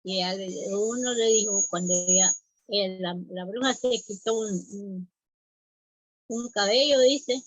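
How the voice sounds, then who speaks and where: A woman telling a traditional folk tale aloud in an unhurried, halting way, often repeating words. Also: medium pitch, no echo, rough recording. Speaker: storyteller.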